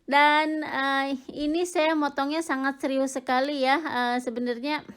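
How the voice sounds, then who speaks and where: A woman's voice: high voice, little pitch movement, unhurried, a bit bright. A middle-aged woman from Indonesia chatting casually with lots of fillers and giggles while cooking in her home kitchen for her vlog. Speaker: cooking vlogger.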